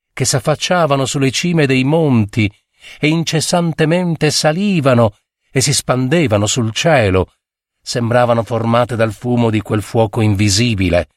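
A man narrating a literary short story in a measured, expressive reading on a close mic. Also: mid-range voice, dry recording. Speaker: audiobook narrator.

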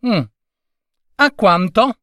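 A man's voice: high voice, animated, very slow, sharp tone, no room sound, clean studio sound, pitched above the performer's own voice, full character voice. A man voicing a shocked, insistent housemaid in a storybook. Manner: startled, insistent exclamations. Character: shocked household maid, woman.

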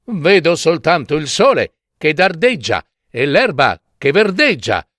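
A man voicing a loyal young sister, calling out in a high, sing-song voice. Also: sing-song, unhurried, a bit bright, no room sound, studio quality.

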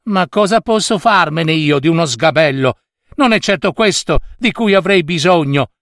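A man's voice: on the high side, lively intonation, normal speed, fairly bright tone, no room sound, studio quality, pitched above the performer's own voice. A man doing a vain, whiny young girl. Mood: eager. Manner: whiny, self-pitying complaints.

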